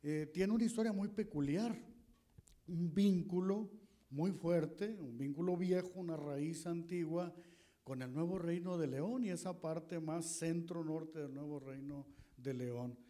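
A man's voice: a little high, measured pace, warm tone. A middle-aged man from Coahuila, giving a rambling, folksy public history talk on an auditorium stage with a handheld mic. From northern Coahuila, Mexico. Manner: folksy, rambling, with many fillers and restarts. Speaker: guest historian speaker.

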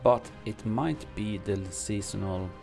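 Speaking English as a second language, a male gaming streamer reads and comments on game update news from his home setup. His voice is low, gravelly and dark in tone, his speech halting and full of fillers and restarts, with faint background music.

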